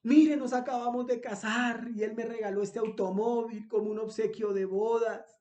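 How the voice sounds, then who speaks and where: A man's voice: very high voice, steady tone, normal speed, mellow, reverberant. A man voicing a young woman who is crying and pleading after a car crash, apologizing over and over in a raised, pleading tone. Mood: tearful pleading.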